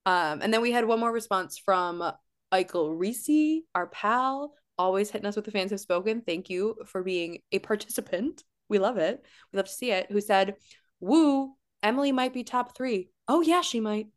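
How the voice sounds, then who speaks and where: Woman, podcast co-host, casual chat, animated, laughing, mock-outraged. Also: mid-range voice, normal speed.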